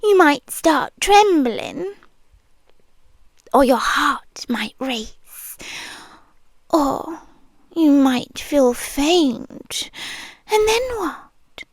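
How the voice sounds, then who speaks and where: A British ASMR roleplay performer plays an obsessive, possessive young nurse in an F4M roleplay, whispering softly and breathily into the ear on a close, dry mic with no echo. Her high voice is exaggerated and expressive, very slow, teasing, and sweetly controlling in a creepy-sweet, possessive mood.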